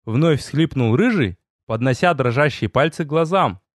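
A male audiobook narrator telling a first-person fantasy story. His intonation is animated and swings widely over a mid-range pitch, and he gives voice to the dialogue. The recording is close and dry. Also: normal speed, no echo.

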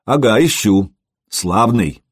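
A man's voice: on the low side, animated, slow pace, slightly rough, dry recording, studio quality, full character voice. A man voicing a cocky young warrior who taunts and jeers. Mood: mocking. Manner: taunting, jeering.

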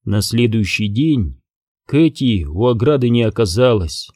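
A man narrates an audiobook horror story in the first person, in a mellow, lively voice. His intonation moves a lot, and the recording is close and dry. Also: mid-range voice, measured pace, dry recording. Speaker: audiobook reader. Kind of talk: scripted narration.

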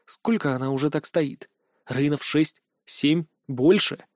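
A man reads a first-person fantasy audiobook with dramatic, expressive storytelling. His voice sits a little higher than most men's. The recording is dry and close to the microphone, with no room sound. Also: a little slow, dry recording. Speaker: audiobook narrator.

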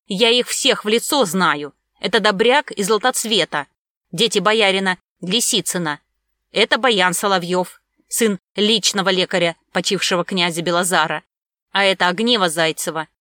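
Rich: A spiteful informer of a man, gloating and sneering as he names and accuses, read out by a woman narrator. Loud and harsh in his anger, close and dry in the storybook reading. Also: mid-range voice, normal speed, dry recording, close to an everyday voice. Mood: angry. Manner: angry, sneering.

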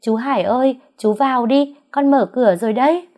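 Woman doing a sweet, small-girl voice for a spoken story; high, slow. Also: fairly even intonation, dark tone, natural voice. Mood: eager. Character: little girl, sweet and anxious.

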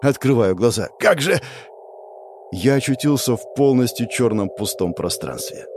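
A man narrating a first-person fantasy audiobook with a dramatic, expressive reading. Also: mid-range voice, normal speed, a little hiss or hum.

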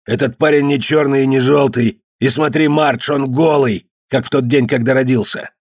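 A man voicing a huge, hairy, brutish cave man with a hoarse, bullying voice in an audiobook. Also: medium pitch, fairly even intonation, normal speed, a little mellow, no echo, studio quality, pitched above the performer's own voice, natural voice. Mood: scornful. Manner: barking, bullying. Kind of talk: audiobook character voice.

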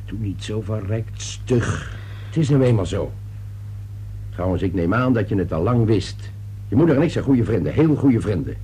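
In a noisy old radio play recording, a man acts the part of an irritable, defensive middle-aged father and businessman. His lowish voice moves at a moderate pace, sounding gruff, animated, impatient and blustering, with a defensive, irritated mood.

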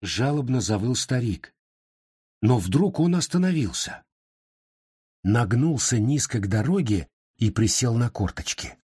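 Husky man narrating an audiobook. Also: medium pitch. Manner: expressive, measured storytelling.

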